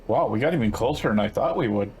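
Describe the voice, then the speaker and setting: Older dude rambling thru a farming game, kinda low voice, lots of uhs, faint background hiss. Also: male voice, lively intonation, fast talker, darkish tone, low-quality recording. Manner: rambling, laid-back, many fillers and self-corrections. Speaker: gaming channel host. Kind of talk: casual gameplay commentary.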